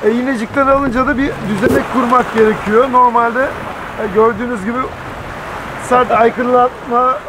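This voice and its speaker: A man in his fifties on a sailboat at sea, calmly explaining the route and rigging with frequent pauses. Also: very high-pitched. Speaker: sailor explaining the voyage. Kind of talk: casual explanation to camera. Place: on a sailboat deck at sea, outdoors. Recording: wind and wave noise at sea.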